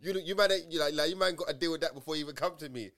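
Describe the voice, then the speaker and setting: Rapid-fire London roadman podcaster, male. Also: on the high side, a bit bright. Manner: repeats and rephrases points emphatically, heavy slang. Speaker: podcast co-host. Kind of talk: casual podcast chat in London roadman slang.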